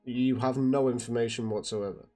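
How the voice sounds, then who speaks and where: A man's voice: mid-range voice, fairly even intonation, normal speed, warm tone, soft background music, lightly acted. A man playing a blunt adventurer who coldly interrogates a prisoner in a tabletop game. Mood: threatening. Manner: blunt, threatening.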